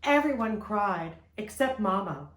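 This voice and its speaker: A woman at a middling pitch reads a children's picture book aloud, gentle and expressive in her storytelling. Her voice carries a roomy echo. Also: a little slow.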